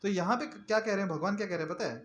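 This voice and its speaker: A man's voice: high-pitched, racing, fairly bright tone. A male preacher giving a sermon in a conversational manner, often asking his listeners questions. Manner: conversational, asks the audience questions.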